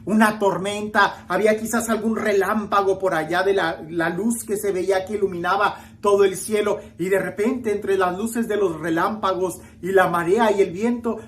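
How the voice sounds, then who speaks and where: A woman reading the gospel and giving a reflective homily, slow and expressive, with dramatic emphasis and small restarts. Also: lowish voice, slight background noise. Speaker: preacher.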